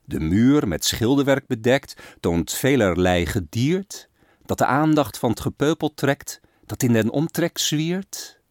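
A man narrating a rhymed fable in a lilting, very expressive recital. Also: mid-range voice, a little slow, dry recording, studio quality.

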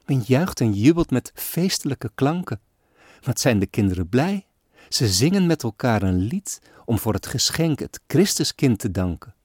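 A man voicing a feverish, frail poor little girl who pleads softly in a storybook poem. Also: medium pitch, sing-song, normal speed, breathy edge, no room sound, clean studio sound, voice pushed up. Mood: longing.

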